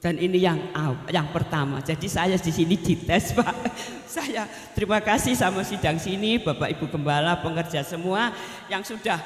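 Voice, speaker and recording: A woman's voice: on the low side, lively intonation, normal speed. An older woman with a Javanese accent gives a chatty church testimony, often turning to address the pastor directly. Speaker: evangelist giving a testimony. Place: church hall. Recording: reverberant church hall.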